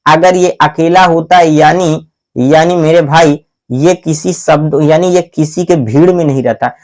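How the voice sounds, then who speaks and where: A man teaching a grammar lesson in a classroom style, asking questions and answering them himself over and over, calling the viewer "my brother" and spelling out letters slowly. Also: a little high, fairly even intonation, a little mellow. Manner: repetitive call-and-response questioning, answers his own questions; slow, deliberate spelling out of letters.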